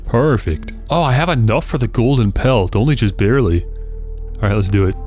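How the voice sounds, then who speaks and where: A man's voice: medium pitch, moderate pace, darkish tone, soft background music. A man hosting a gaming video, thinking aloud in casual, reactive commentary.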